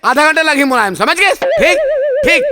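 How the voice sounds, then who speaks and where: Man playing a loud cheeky tea hawker. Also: very high voice, heavily acted. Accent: Chhattisgarhi. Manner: sing-song hawking, teasing. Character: cheeky loud-mouthed male street tea seller. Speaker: street tea seller.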